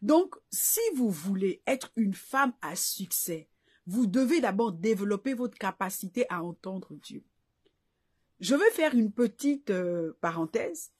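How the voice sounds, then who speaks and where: A woman giving a slow, deliberate sermon-style talk to a live online audience, stressing her points with rhetorical questions. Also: medium pitch, expressive, a little mellow, slightly rough.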